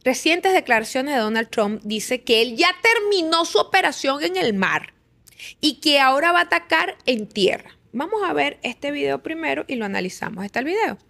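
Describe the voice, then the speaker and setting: A Venezuelan woman hosting a political talk show, with a voice pitched a little above the usual. She talks emphatically and with indignation, firing off rhetorical questions as she comments. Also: very animated, moderate pace, creaky, fairly bright tone.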